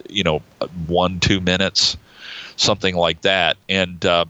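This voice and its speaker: A man with a very low, forceful voice talks through a film scene in a loose, rambling way, full of fillers and restarts. The sound is dry and close, with a slightly dull, muffled quality. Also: level tone, unhurried, clean tone, no echo. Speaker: podcast co-host. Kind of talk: casual film discussion.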